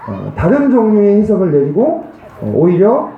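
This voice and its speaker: A man's voice: high voice, huge pitch swings, normal speed, gravelly. A male pastor preaching a sermon in a church, putting rhetorical questions to the congregation. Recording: roomy, dull lo-fi sound.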